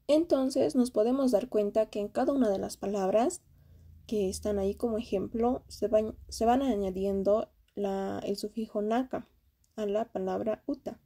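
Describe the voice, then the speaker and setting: A woman giving a spoken lesson presentation, explaining carefully and pausing often with hesitations. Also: medium pitch, mellow, husky. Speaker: student giving a class presentation.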